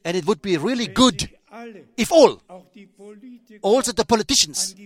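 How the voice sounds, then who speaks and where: An older man preaching a sermon in a slow, emphatic way, repeating his phrases and restarting as he goes. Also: high voice, animated.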